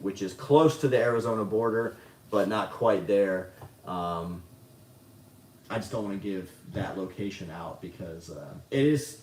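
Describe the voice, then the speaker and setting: A man's voice: fairly low pitch, darkish tone. A man hosting a casual livestream, answering chat questions in a rambling, profane, self-mocking way. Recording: roomy, distant mic, faint noise.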